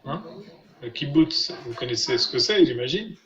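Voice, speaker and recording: A man teaching a live online class, patiently repeating syllables slowly for his students over a video call. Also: medium pitch, expressive, a bit bright. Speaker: Biblical Hebrew teacher. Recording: roomy, dull lo-fi sound.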